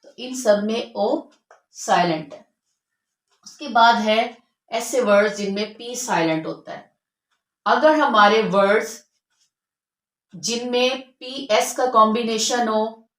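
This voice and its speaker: In an echoey room, a woman teaches a spoken English lesson, patiently explaining rules and saying each word twice. Her voice is a little high with a fairly bright tone.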